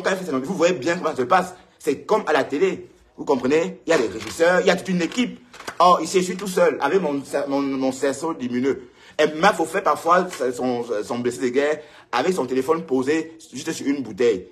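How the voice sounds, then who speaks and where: A man hosting his own live stream alone with a ring light. He rants heatedly at rivals, repeating his warnings, and his pitch jumps up when he gets worked up. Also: fairly quick, a little hiss or hum. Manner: heated, repetitive, addresses rivals directly. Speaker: online show host. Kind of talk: solo live-stream rant.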